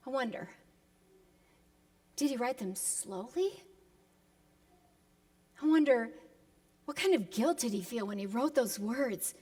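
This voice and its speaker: Her voice sits high as this woman preacher gives a solemn, dramatic sermon of reflection. She is deliberate, uses emphatic pauses, and alternates between hushed and impassioned, with the long reverb of an echoing hall around her.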